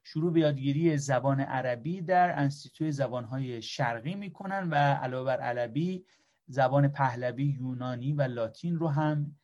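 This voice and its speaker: A man's voice: medium pitch, darkish tone, highs cut off. A man moderating a lecture, giving a polite, formal introduction of the speaker with frequent hesitations.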